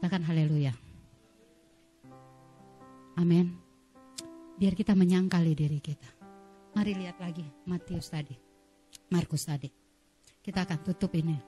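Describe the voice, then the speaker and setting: A middle-aged woman pastor preaching a fervent sermon in a church, dropping to hushed prayer and rising to loud exhortation. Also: on the low side, steady tone, moderate pace, long pauses, soft background music.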